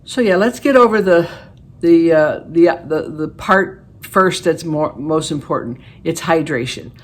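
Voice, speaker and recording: A woman's voice: low voice, animated, measured pace. Chatty, folksy woman in her late seventies. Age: 70s. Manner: chatty and folksy, with laughs and self-deprecating jokes. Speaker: beauty vlogger. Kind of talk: casual chat to camera. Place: her living room.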